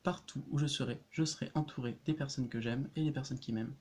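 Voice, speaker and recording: A man's voice: mid-range voice, steady tone, fast, a little mellow. A man, an energy practitioner, casually explaining his homemade rune deck on a vlog, hesitant and full of fillers, often chuckling.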